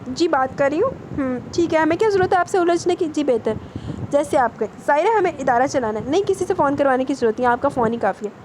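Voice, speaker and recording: A woman's voice: high-pitched, lively intonation, a little mellow, a little hiss or hum, poor audio. Formal, apologetic middle-aged headmistress from a storybook reading, read by a woman. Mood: nervous.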